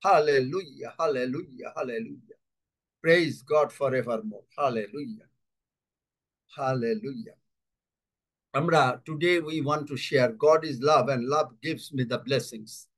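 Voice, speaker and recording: A man preaching a bilingual sermon, slow and emphatic, repeating key phrases and translating himself between languages. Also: mid-range voice. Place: church service.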